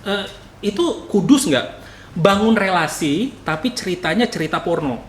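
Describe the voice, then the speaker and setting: A young man with a Batak-tinged Indonesian accent preaches in a casual, animated way and slips into voices to act out his stories. His voice sits high for a man. The recording has the roomy echo of a church hall under a faint hiss. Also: moderate pace. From Batak, North Sumatra. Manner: animated storytelling, acts out voices, loud at times. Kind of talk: casual sermon. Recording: echoey hall, faint noise.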